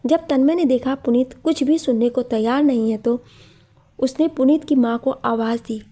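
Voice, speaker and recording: A woman narrating a scripted story with a steady, expressive reading. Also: high-pitched, moderate pace.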